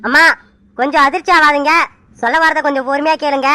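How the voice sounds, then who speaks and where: A brisk young messenger man, high and bright in tone, delivering news flatly and rushing people along. The delivery stays matter-of-fact throughout this cartoon. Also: dry recording, rough recording. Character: young male hospital messenger, brisk and blunt.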